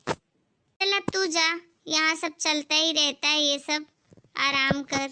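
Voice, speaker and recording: A woman voicing a bossy, stingy middle-aged mother-in-law in an amateur family skit, speaking slowly in a scolding, dismissive way. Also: sits high, bright, forceful tone, slight background noise, full character voice. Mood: complaining.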